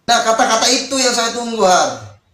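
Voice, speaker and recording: A man's voice: very high-pitched, sing-song, normal speed, bright, forceful tone, echoey room. A man from Indonesia, an Islamic cleric, giving a heated rebuttal speech in a mocking, scolding way and repeating phrases for emphasis.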